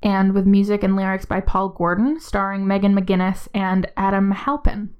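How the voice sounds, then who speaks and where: A woman's voice: mid-range voice, monotone, moderate pace, smooth. Woman podcaster with echoey, tinny metallic sound. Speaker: podcast co-host. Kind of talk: casual discussion.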